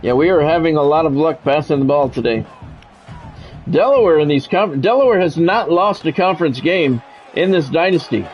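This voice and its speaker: A gaming streamer who used to call sports on the radio does football play-by-play of his own game, mixing in casual chat. He's an American man with a slightly high, expressive voice at normal speed. The audio is dull, with soft music underneath.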